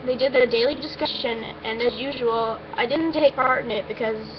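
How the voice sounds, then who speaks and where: Her voice is on the high side and her pace moderate as she reads a first-person tale aloud. It's a casual, amateur reading with occasional stumbles and breaks for asides, captured in a muffled, noisy recording.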